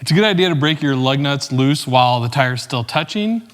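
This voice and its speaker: A man's voice: medium pitch, animated, brisk, fairly bright tone. Easygoing diy guy chatting thru car work in his garage, dry jokes, lots of roomy echo. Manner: laid-back, chatty, dry joking asides. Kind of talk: casual how-to narration. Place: home garage.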